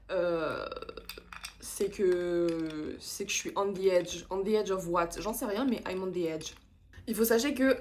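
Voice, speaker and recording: A woman's voice: medium pitch, darkish tone. A young woman vlogging casually, telling an exasperated story in slangy, profane speech with English phrases mixed in. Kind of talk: casual ranting vlog.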